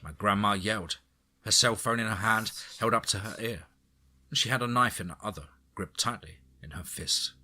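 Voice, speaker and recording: Bright-toned male horror storyteller. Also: on the low side, normal speed. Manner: dramatic, suspenseful storytelling. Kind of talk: scripted first-person narration. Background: soft background music.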